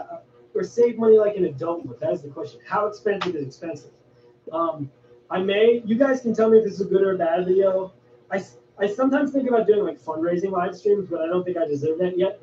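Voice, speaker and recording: A man's voice: high voice, dark tone. A man rambling casually to his livestream viewers as the host. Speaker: video creator hosting a livestream. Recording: roomy, distant, dull audio with faint noise. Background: faint noise and ambience.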